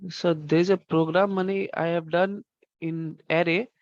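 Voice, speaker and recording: A man student politely walking his teacher through a program on a video call, with halting explanations. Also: fairly high pitch, steady tone, no echo. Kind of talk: explaining code in online class. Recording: dull video call audio.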